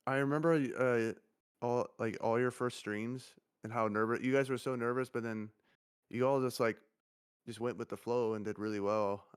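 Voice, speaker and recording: A man chatting casually on a stream as an agency head, speaking slowly and halting, with many restarts. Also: medium pitch, fairly even intonation, clean tone. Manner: halting, restarts and repeats "I remember"; talks slowly. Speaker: agency CEO.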